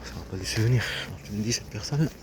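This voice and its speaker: A man's voice: lowish voice, fast talker. A man vlogging outdoors on a phone, talking in an agitated, rambling way with many restarts. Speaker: vlogger seeking an internship. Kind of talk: casual vlog monologue. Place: outdoors in the street, looking for shade. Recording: loud outdoor street noise.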